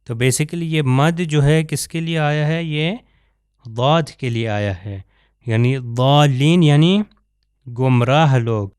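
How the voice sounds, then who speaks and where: A man teaching Quran recitation over slides, explaining letters and then slowly drawing out sample verses. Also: mid-range voice, a little mellow, clear, resonant tone, dry recording, clean studio sound. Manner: slow drawn-out sample recitations between explanations. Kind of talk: pronunciation lesson over slides.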